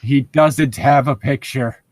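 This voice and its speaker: This podcast co-host reads and critiques a book in a casual commentary, swearing freely and rambling through explanations with plenty of "like." His mid-range voice moves at a slow pace, and the recording is dry.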